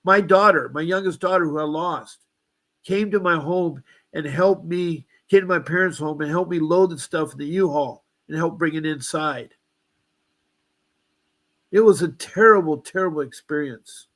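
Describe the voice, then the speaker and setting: A man's voice: on the high side, normal speed, a bit bright. A man in his seventies telling a personal story, rambling with restarts and asides and insisting he was wronged. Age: 70s. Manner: aggrieved, insistent about injustice. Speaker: guest.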